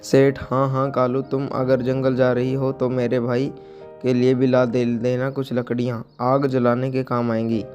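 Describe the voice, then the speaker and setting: Brief: greedy storybook moneylender, flat delivery, soft music behind, a man voicing him. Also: mid-range voice, measured pace, close to an everyday voice. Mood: wheedling. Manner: pushy, fussy about money. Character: greedy moneylender, middle-aged man, sniffly. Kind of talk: storybook character voice.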